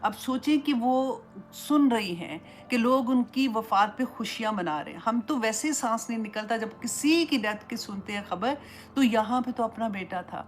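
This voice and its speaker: A woman's voice: a little high, animated, slight background noise. Woman teaching a Quran lesson, storytelling. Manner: storytelling, mixes English phrases into Urdu. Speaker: Islamic teacher.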